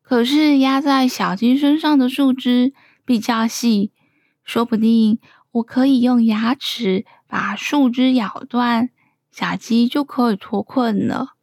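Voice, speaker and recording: A timid little crocodile schoolboy in a storybook, voiced by a woman. He speaks slowly and hesitantly, drawing out soft ah sounds in a somewhat high voice. The sound is close and dry. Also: steady tone, no echo. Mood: shy. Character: shy gentle young male crocodile pupil.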